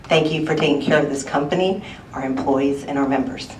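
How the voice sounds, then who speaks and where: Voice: mid-range voice, fairly even intonation, brisk, a little mellow. Emotional HR head's farewell speech. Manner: earnest and emotional, holding back tears. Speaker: head of HR giving a tribute. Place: large indoor room at an office party. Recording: echoey room recorded from far off, faint noise.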